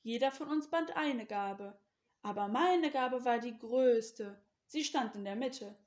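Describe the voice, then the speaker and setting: Woman doing boastful young dreamer: high, eager, exclaiming. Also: slow, a little mellow.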